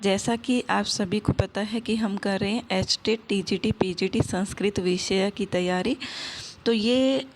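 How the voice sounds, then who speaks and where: A woman teaching an exam-prep lesson, explaining by asking and answering her own questions and reciting verses slowly. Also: mid-range voice, steady tone, background noise. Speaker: Sanskrit teacher.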